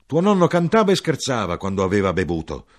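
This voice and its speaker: A man reading an audiobook and voicing a stern older mother, who scolds in a raised, sharp voice. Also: on the low side, huge pitch swings, fast talker. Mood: scolding.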